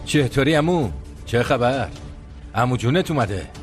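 An actor playing a coarse, threatening uncle just out of prison, bullying and rough. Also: male voice, medium pitch, expressive, faint music behind, close to an everyday voice. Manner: rough, bullying, shouting in anger. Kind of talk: film drama dialogue.

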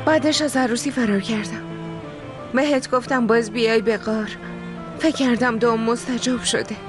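A woman's voice: fairly high pitch, fairly even intonation, music in the background, natural voice. A woman voicing a proud, bitter young woman in a dubbed TV drama, speaking in a heartfelt, defiant way. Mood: sorrowful. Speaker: dubbing actress. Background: background score.

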